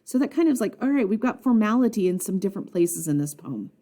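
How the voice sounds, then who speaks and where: A woman teacher annotating a poem aloud in a recorded lesson, thinking out loud with frequent ums and posing questions to her students. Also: mid-range voice, big pitch swings, fast.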